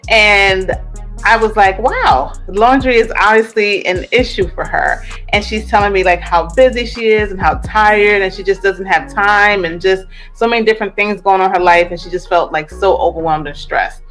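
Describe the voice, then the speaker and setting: A woman from Jamaica, a guest in a casual interview, telling her story in an animated way and acting out the voices of the people she quotes. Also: mid-range voice, normal speed, soft background music. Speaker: guest entrepreneur.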